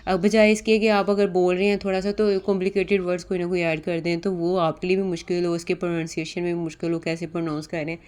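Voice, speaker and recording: A woman teaches interview preparation in a casual way, slipping English words into her explanations. Her voice sits a little low and sounds warm and mellow. She goes through each point patiently, one step at a time. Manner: explains step by step, often repeats "ठीक है"; mixes English terms into Urdu. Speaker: interview prep tutor. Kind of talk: casual spoken lesson.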